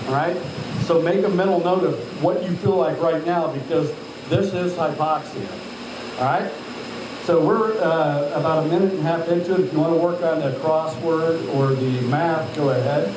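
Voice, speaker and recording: A man's voice: a little high, normal speed. A man giving live hands-on instruction to trainees, directing them and quizzing them as he checks on them. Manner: directive, questioning, addresses trainees as sir. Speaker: altitude chamber instructor. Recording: echoey, distant mic, loud machinery hum.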